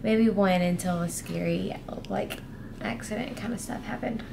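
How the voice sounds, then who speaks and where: A woman's voice: medium pitch, moderate pace, vocal fry, background noise. A young woman chatting casually, recorded a few feet from a handheld camera in a hospital room. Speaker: expectant mother in a vlog. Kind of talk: casual chat. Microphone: off-camera handheld, a few feet away.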